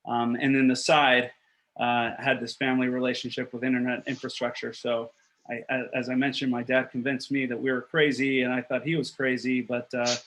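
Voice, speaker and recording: A man in his thirties from Costa Rica, making an earnest and blunt pitch on a video call from a small room, with many fillers and restarts. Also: level tone, fairly quick, fairly bright tone, slight background noise, rough recording. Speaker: block producer candidate. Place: small room with wooden shelves, indoors. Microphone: webcam on a video call.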